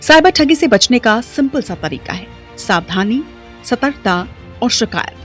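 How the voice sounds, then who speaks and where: With faint music behind her, a female news report narrator reads a scripted voice-over in punchy, dramatic phrases. She sounds a little high, animated, and fairly bright, keeping a measured pace.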